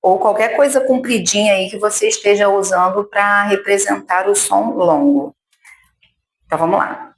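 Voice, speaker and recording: A woman's voice: mid-range voice, steady tone. A Brazilian woman teaching speech therapy, demonstrating at a table, patiently drawing out syllables and checking in with the viewer. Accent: Brazilian Portuguese. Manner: slow and patient, syllables drawn out, frequent check-ins with the viewer. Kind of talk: slow, deliberate instructional demonstration. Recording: echoey room with faint noise.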